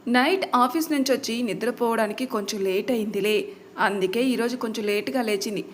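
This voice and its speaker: A kind middle-aged father from an audio story, voiced by a female narrator. He soothes and indulges his only daughter. The voice stays fairly high. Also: a little fast, slight background noise, natural voice. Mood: defending.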